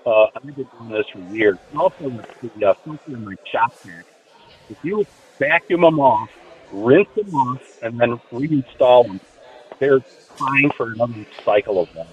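A man calling a radio show from his car over a muffled Bluetooth phone line, rambling and halting with many fillers. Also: mid-range voice, animated. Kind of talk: call-in chat. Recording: tinny, hard-to-hear phone call over car Bluetooth.

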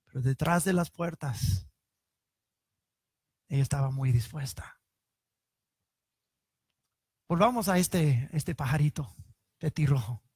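A man's voice: fairly high pitch, slow, long pauses, darkish tone, slightly rough, no room sound. A man preaching a sermon, reading scripture aloud and retelling it in a dramatic, vivid way.

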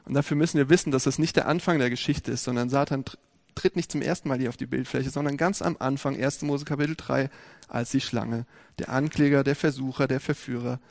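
German-speaking man preaching, lively and direct. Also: mid-range voice, quick pace, gravelly. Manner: lively, asks rhetorical questions, addresses the congregation directly. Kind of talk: sermon.

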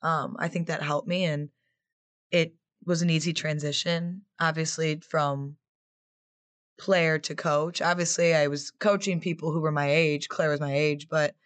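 A woman's voice: low-pitched, a little slow. A woman in her twenties, a former player turned assistant coach, answering interview questions in a chatty way. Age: 20s. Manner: chatty, animated storytelling with quoted voices.

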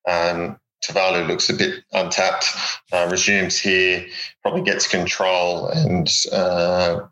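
A man's voice: low voice, slow pace, sharp tone, poor audio. An Australian man giving horse racing tips and analysis in a casual, matey, plain-spoken chat. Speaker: horse racing tipster, co-host.

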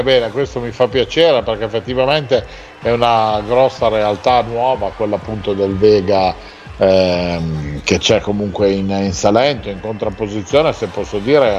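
Chatty Italian radio host, music behind. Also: male voice, fairly low pitch, darkish tone, lo-fi sound. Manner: teasing, chatty, halting phrases with tag questions. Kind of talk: casual radio interview chat.

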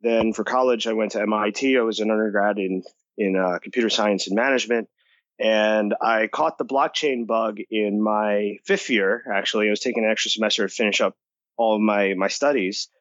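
An eager young American man chats as a podcast guest, piling his sentences with casual fillers. His voice sits on the low side, and the muffled recording sounds dry and close. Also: fairly even intonation, fairly quick, a bit bright, no echo. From United States. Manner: enthusiastic, talkative, many "like" fillers. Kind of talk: casual interview talk.

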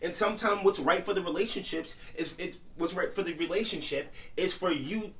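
A man's voice: high voice, fairly quick, a bit bright, far from the mic. A man co-hosting a casual podcast discussion, making his point earnestly and circling back over his own phrases. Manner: earnest, repeats phrases while building a point. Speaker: podcast co-host.

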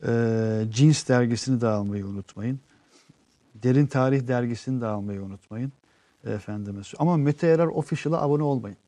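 Dark-voiced man, earnest co-host. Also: mid-range voice, no echo. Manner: earnest, explanatory, trails off with drawn-out fillers. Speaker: co-host reading viewer comments. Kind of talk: casual live-stream chat.

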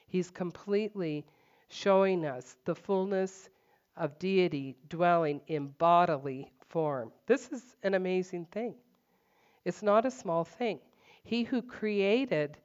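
A woman's voice: fairly low pitch, darkish tone. A woman giving an informal Bible teaching at home, talking conversationally with lots of fillers and firm emphasis. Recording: dull lo-fi recording.

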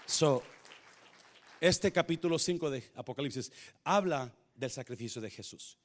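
A middle-aged man preaching a sermon as pastor, calling out to the congregation and swinging from shouts to near-whispers. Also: medium pitch, expressive, measured pace, some chatter behind.

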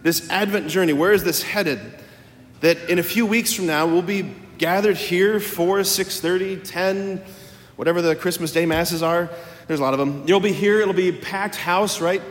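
Higher-voiced man preaching in a reverberant church. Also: normal speed. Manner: informal, repeats phrases, checks in with 'right?'. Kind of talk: conversational sermon. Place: large church.

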